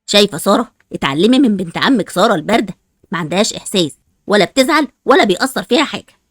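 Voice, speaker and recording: A mocking, joking Egyptian teenage boy who never stops teasing, played by a woman. He rattles along very fast in a dry, close recording. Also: medium pitch, animated, no echo, natural voice. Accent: Egyptian Arabic. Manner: mocking, cheeky.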